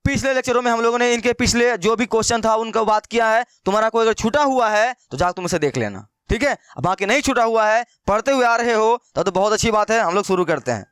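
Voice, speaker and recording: A man's voice: sits high, fast talker, few pauses, a bit bright, clear, resonant tone, no echo, studio quality. A man teaching maths in a casual, chatty way, repeating questions to his students and calling them brother. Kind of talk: casual Hindi maths lesson.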